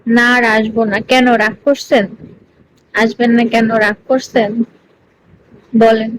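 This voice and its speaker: High-voiced, playful woman live-streaming. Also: steady tone, measured pace, a little hiss or hum, low-quality recording. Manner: playful and teasing, coaxing viewers; giggly, laughs often between lines. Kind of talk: casual live-stream chat with viewers. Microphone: phone.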